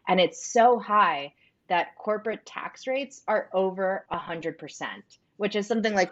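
A woman's voice sits on the low side, with the high frequencies cut off. Originally a Spanish speaker and now a co-founder of a company in the United States, she reflects earnestly in an interview, frequently using "um" and "like."

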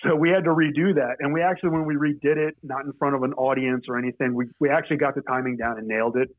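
A man's voice: mid-range voice, fairly even intonation, dry recording. Young male guest, rambling storyteller, tinny phone-line sound, dry. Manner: rambling, halting, many restarts. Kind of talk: casual storytelling.

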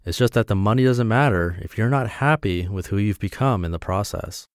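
A man from Montana, reading his reflective essays aloud in a measured, deliberate way. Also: fairly low pitch, dry recording, clean studio sound. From Montana, USA.

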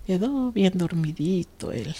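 A woman's voice: on the low side, measured pace, faint music behind. Older Mexican woman telling her story. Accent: Mexican Spanish. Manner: lively storyteller who acts out quoted dialogue. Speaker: survivor recounting her story. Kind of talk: recorded testimony.

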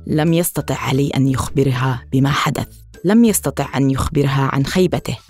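A woman narrating a children's storybook in an expressive reading voice. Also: extremely low pitch, a little fast, breathy edge, soft background music.

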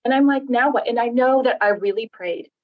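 A woman's voice: a little high, fairly quick, muffled recording. A woman, an author guest, telling her story in casual faith-based conversation and acting out the voices of people she quotes.

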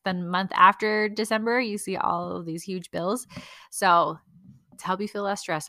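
30s mom hosting her podcast, kinda low voice, chatty practical tips, dry close mic. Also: fairly bright tone, dry recording. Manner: chatty and practical, with small laughs. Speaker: podcast host. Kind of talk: casual solo podcast tips.

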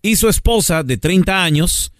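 A man's voice: high-pitched, animated, moderate pace, no room sound, studio quality. A man with a Mexican accent hosting a comedy radio show, telling a story in a playful, slangy way.

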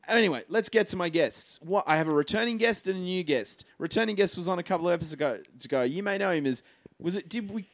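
A man's voice: high voice, lively intonation, quick pace, no echo. A man hosts a podcast in a loose, rambling way. His voice is dry and close, with no room around it. He talks casually and pokes fun at himself. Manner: self-deprecating, rambling. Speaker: podcast host.

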